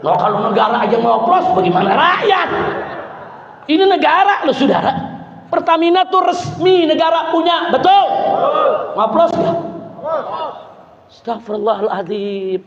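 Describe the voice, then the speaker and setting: Man, fiery preacher, very high voice, long reverb of a mosque hall, dull sound. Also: expressive, normal speed, pauses often, slight background noise. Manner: rhetorical, calls out to the crowd, shouts for emphasis.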